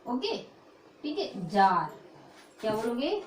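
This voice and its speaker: Female English teacher, raised pitch, echoey room with faint background noise, drills words by repeated questions. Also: sing-song. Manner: repetitive call-and-response questioning; drawn-out modeled words. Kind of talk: pronunciation lesson.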